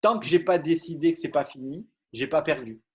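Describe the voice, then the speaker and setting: A man's voice: fairly high pitch, a little fast, breathy edge. A man giving an earnest motivational talk on a video call, with many fillers and restarts. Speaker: business opportunity speaker.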